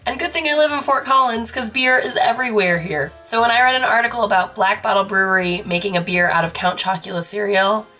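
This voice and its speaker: Young woman, hoarse, chatty and self-teasing, bright tone, a bit far from the mic. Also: mid-range voice, fast, few pauses, faint music behind. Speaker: vlogger. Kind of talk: casual vlog chat.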